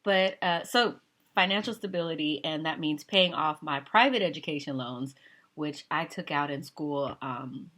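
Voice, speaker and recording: A woman's voice: low voice, moderate pace, a bit bright. A woman in her thirties, an opera singer talking casually to camera in a self-mocking way. She laughs often and drops into whispered asides.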